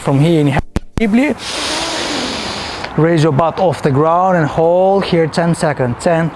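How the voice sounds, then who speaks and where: A man's voice: on the high side, unhurried, background noise. A man coaching a workout, counting reps aloud with short clipped cues and encouragement. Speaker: fitness instructor.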